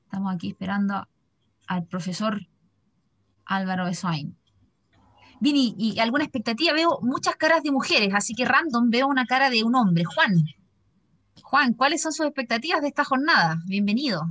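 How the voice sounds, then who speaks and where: A woman in her thirties with a Chilean accent, moderating a video-call workshop, chatty and lively as she reads out comments. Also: on the high side, moderate pace. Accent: Chilean Spanish. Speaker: session moderator. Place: small bright office indoors. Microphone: laptop webcam mic on a video call.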